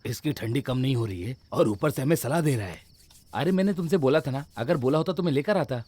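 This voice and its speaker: A man's voice: mid-range voice, animated, fast, a little mellow, no echo, close to an everyday voice. A man doing an uneasy spooked young man. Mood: complaining. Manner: anxious, insistent. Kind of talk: Hindi film dub acting. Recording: music playing under the voice.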